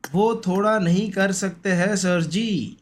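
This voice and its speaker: An Indian gaming streamer offers laid-back, slangy live commentary, often repeating short pleading phrases. His voice is high and he speaks slowly.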